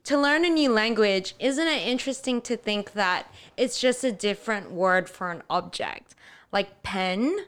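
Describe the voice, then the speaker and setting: A woman's voice: medium pitch, a little slow, fairly bright tone, clear, resonant tone. A woman co-hosting a podcast, chatting casually, teasing and often giggling. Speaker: podcast co-host. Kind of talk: casual chat.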